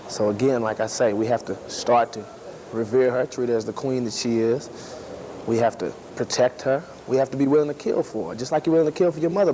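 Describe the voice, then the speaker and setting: A man's voice: medium pitch, warm tone, slight background noise, low-quality recording. A man giving his opinion in a street interview, preachy and emphatic, repeating his points.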